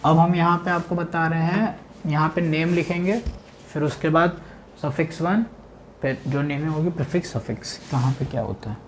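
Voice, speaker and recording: A man's voice: a little high, normal speed, a little hiss or hum. A man teaching chemistry, lecturing a class and repeating key terms back as questions.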